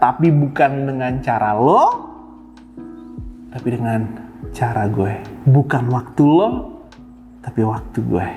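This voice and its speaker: A man's voice: mid-range voice, warm tone. A male pastor giving a casual online sermon, slangy and playful, dropping in English phrases. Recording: long reverb with faint music.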